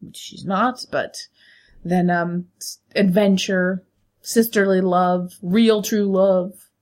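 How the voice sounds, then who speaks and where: A woman's voice: mid-range voice, steady tone, slow pace, darkish tone. A woman co-hosting a podcast in casual, joking, blunt banter, with a stuffy nose from a head cold. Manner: joking, blunt, swears freely. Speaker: podcast co-host. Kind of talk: casual banter and film chat.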